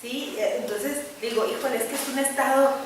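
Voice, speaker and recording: High-voiced woman preaching in an echoey church. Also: normal speed. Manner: earnest, conversational, asks the audience for agreement. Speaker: preacher at a women's gathering. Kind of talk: sermon. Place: church hall. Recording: distant mic in an echoey church hall with faint noise.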